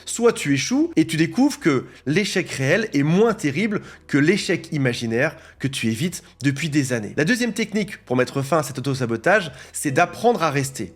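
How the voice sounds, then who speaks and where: A man's voice: fairly high pitch, big pitch swings, normal speed, hardly any pauses. A man coaching viewers on psychology, explaining ideas in a direct, teaching way. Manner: didactic, addresses viewer directly, lists examples.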